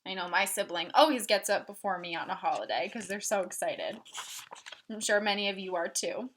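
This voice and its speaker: Reading a storybook to children, a woman adds explanatory asides and quizzes her young listeners in an instructive, teacherly way. Her mid-range voice is brisk and a bit bright. There's a little hiss or hum in the recording.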